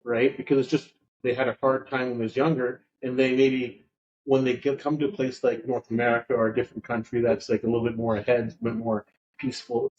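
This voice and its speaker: A male podcast host chats loosely, circling his point with fillers and restarts. His voice sits at an ordinary middle pitch, and the recording sounds muffled and lo-fi. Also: level tone, fairly quick, darkish tone. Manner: rambling, full of fillers. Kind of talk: casual podcast conversation.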